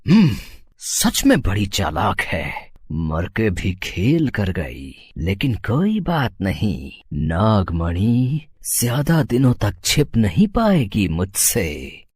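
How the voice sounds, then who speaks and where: A man voicing a menacing male sorcerer villain in a storybook tale, speaking slowly with low gloating laughs. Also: wildly swooping pitch, darkish tone, slightly rough, heavily acted. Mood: scheming.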